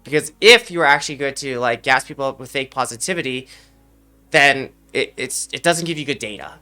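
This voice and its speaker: A man with a slightly sick voice talks earnestly to his livestream chat, explaining ideas and repeating phrases for emphasis. His tone is bright and forward at a middle pitch, and faint music plays behind him. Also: a little fast. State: under the weather, slightly sick voice. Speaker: esports mental coach and streamer.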